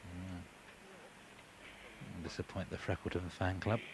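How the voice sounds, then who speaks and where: Guy doing live golf commentary, kinda low voice, understated and chatty, noisy course ambience behind him. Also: level tone, a little slow. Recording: broadcast with clear background noise.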